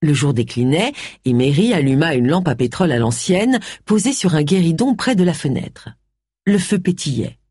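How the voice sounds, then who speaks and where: An audiobook narrator reading a story with expressive storytelling, close to the mic. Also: medium pitch, slightly rough, no room sound. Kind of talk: scripted narration.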